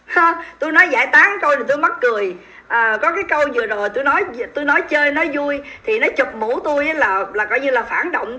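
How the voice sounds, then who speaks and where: A woman's voice: high-pitched, bright, forceful tone. A woman with a Southern Vietnamese accent hosting a livestream, commenting in an emphatic, indignant and mocking way and speaking straight to her viewers. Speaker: livestream host.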